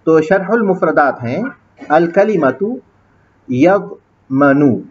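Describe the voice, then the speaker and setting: A male teacher giving a classroom lecture, explaining grammar step by step, quizzing his students and reciting Arabic passages slowly. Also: on the high side, lively intonation, lo-fi sound. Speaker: teacher of an Islamic studies course.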